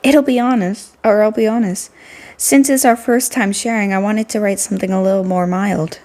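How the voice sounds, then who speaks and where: A woman voicing a shy, formal, soft-spoken teenage girl from a game, polite and hesitant. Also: mid-range voice, steady tone, normal speed, natural voice. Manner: hesitant, polite, self-deprecating.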